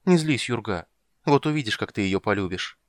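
A fussing, urgent wife of a merchant, voiced by a male narrator in an audiobook. Her lines run slightly higher than the narration, and the sound is dry and close. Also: animated, moderate pace, dry recording, lightly acted. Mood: anxious urgent. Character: merchant's wife, anxious and tender.

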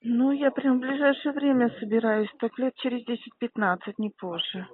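A woman's voice: a little high, normal speed, no room sound. A woman arguing casually on the phone as a debtor, cheeky, mocking and defiant. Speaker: debtor answering collection calls. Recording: tinny, narrow-band phone line.

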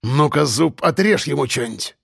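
A man's voice: fairly high pitch, expressive, normal speed, vocal fry, a bit bright, breathy edge, no room sound, exaggerated voice. Sneering criminal boss, mocking and crude, a male reader doing it, dry close read. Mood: menacing. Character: menacing gang boss, older man, sneering.

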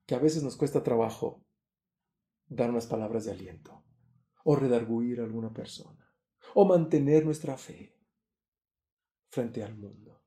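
A man preaching a sermon, earnest and emphatic, his voice rising louder and higher on key points. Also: echoey room.

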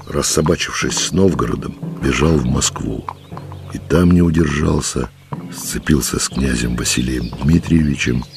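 A man narrating a historical audiobook in a measured storytelling manner, with music behind. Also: extremely low pitch, vocal fry.

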